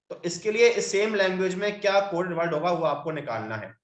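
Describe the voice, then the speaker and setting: A man teaching an online class, guiding his students patiently and calling them "beta". His voice sits high and rings in an echoey room. He spells out letters one at a time as he explains. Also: fairly bright tone.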